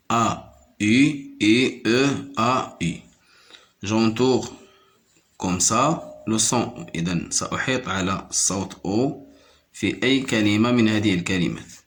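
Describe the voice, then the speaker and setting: A male teacher leads a lesson for young pupils at a very unhurried pace. His voice sits on the lower side, and he says each word several times and taps out its syllables. He moves between French and Arabic as he explains. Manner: repeats each word slowly and counts syllables aloud. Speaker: primary school French teacher. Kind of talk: slow classroom-style lesson.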